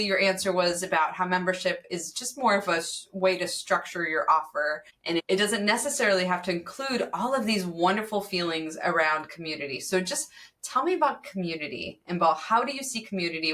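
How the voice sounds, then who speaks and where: A bright, clear-toned woman hosts a podcast interview, upbeat and quick to laugh. She sits a little back from her mic, so her voice has a slightly distant edge. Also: lowish voice. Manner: enthusiastic, laughs easily. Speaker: podcast host.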